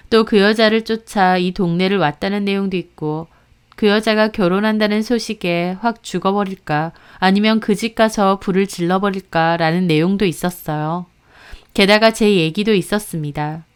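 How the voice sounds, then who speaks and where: Woman storyteller, scripted story narration, smooth resonant voice, steady even reading. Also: medium pitch, moderate pace.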